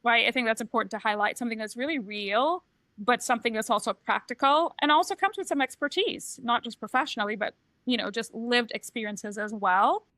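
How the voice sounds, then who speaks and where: A woman's voice: fairly high pitch, fairly quick, bright, forceful tone, no room sound. A middle-aged woman from Trinidad and Tobago, co-hosting a podcast and telling her own story in a candid, reflective way. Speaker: podcast co-host, transition coach. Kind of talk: casual podcast chat.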